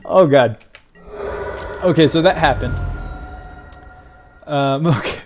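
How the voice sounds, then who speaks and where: A young man giving excitable live commentary on his own card game match, muttering one moment and crying out the next. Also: a little high, slow pace, faint music behind. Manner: excitable, swings from mutters to loud cries and laughter. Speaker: gaming video creator.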